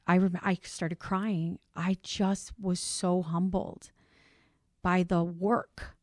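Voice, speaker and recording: A woman from a Cuban family who grew up on the US East Coast speaks slowly in a lowish voice with a Cuban Spanish accent, recorded in a dry studio with no echo. As an insurance brokerage CEO guesting on a podcast, she tells her story in a conversational interview, earnest and emotional, livening up when amused.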